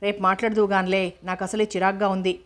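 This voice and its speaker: A woman's voice: mid-range voice, flat delivery, fast, lightly acted. A woman voicing an irritable young film actress who talks in curt, scolding lines. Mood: irritated.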